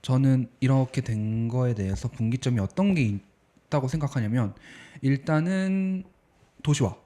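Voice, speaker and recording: A young man co-hosting a podcast in casual conversation, easygoing and quick to laugh. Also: mid-range voice, dark tone. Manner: easygoing, laughs often, chimes in briefly. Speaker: podcast co-host. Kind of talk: casual discussion.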